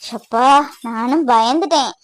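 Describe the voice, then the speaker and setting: A woman's voice: on the high side, a little slow, a little hiss or hum, natural voice. A woman voicing a caring sister-in-law in a cartoon, soothing and reassuring. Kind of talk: cartoon voice acting.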